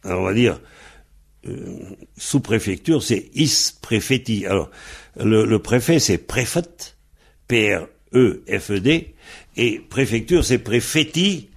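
A man teaching a grammar lesson, pausing on fillers and spelling words out letter by letter. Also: on the low side, expressive, gravelly, husky. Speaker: Breton language teacher. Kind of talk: slow explanatory grammar lesson.

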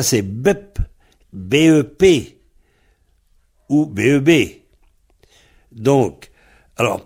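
A man's voice: on the high side, darkish tone. A man teaching a language lesson, explaining pronunciation step by step and spelling out letters.

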